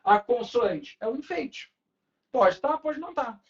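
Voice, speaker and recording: Casual high-voiced teacher, lo-fi. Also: male voice, lively intonation, a little slow. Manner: casual, talks to students with frequent tag questions. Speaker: Portuguese teacher. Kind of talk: online class lecture. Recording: dull lo-fi recording.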